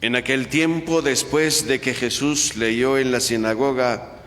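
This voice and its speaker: A man, a priest, proclaiming the Gospel at Mass in a slow, measured way, his voice ringing through a large church's cathedral echo. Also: medium pitch, steady tone, a bit bright. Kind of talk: liturgical Gospel reading at Mass. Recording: long church reverb.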